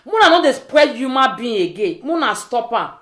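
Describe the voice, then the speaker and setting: A high, very animated female voice with a West African accent rants informally in pidgin, in a roomy echo. She scolds like a social media vlogger, hammering rhetorical questions again and again. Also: moderate pace. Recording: echoey, roomy sound.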